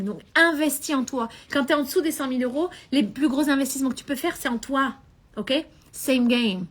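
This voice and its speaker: Lively high-voiced woman coaching on a live stream. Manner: animated, mixes English phrases into French, frequent laughs.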